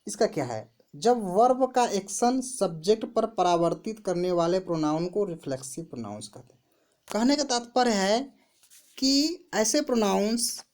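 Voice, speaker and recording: In a medium-pitched, darkish voice, a woman works slowly through a grammar lesson. She asks herself questions, answers and repeats the answers, goes over key words again, and reads her example sentences very slowly.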